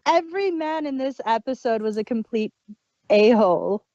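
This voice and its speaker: A woman co-hosting a podcast casually chats while reviewing an audio drama, laughing often and trailing off mid-sentence. Her voice is a little high and dark-toned, with lively intonation at a moderate pace; there's no room sound, but the recording is dull and muffled.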